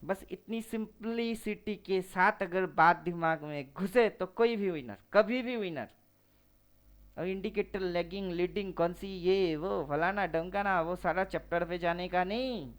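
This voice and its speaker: A man teaching trading over a chart, slangy and teasing, firing off rhetorical questions. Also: sits high.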